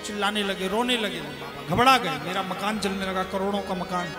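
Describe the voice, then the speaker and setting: A man, acting out his characters' cries and quarrels. His voice rings with a long reverb in a large hall, and music plays clearly behind him. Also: sits high, normal speed. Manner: animated, acts out characters' cries and voices in stories. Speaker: preacher. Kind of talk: devotional sermon with storytelling.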